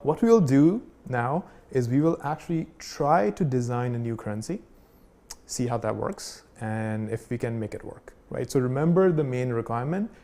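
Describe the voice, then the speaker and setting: A man's voice: medium pitch, normal speed, mellow. Casual man explaining, echoey room. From Pakistan. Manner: casual, many fillers and "right?" checks. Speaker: instructor. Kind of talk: explanatory conversation. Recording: echoey room, faint noise.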